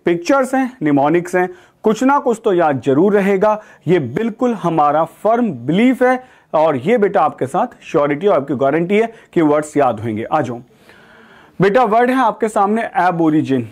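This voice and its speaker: A young adult Indian man with an Indian accent who teaches exam vocabulary online and talks to students in a friendly, coaching way, reading English definitions slowly and carefully. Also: high-pitched, big pitch swings, a little mellow.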